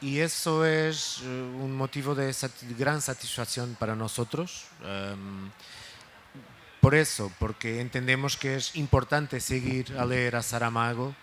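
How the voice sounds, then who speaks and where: A man's voice: mid-range voice, steady tone, a little slow, slight background noise. A man, a native Portuguese speaker, talking in Spanish with a Portuguese accent as a guest at a book event, hesitant and searching for words. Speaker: guest speaker, literary foundation director. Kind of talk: talk at a book fair event.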